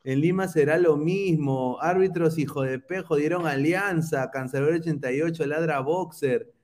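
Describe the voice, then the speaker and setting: A Peruvian podcast host chats casually about football, teasing rival fans while reading viewer comments. His voice is a little high and a little mellow, at a moderate pace.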